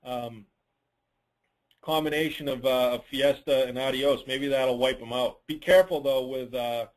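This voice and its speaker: A man with a medium-pitched voice and unhurried pace coaches informally while hosting a lawn care dealer call. He answers questions plainly and advisorily, making his points with emphasis.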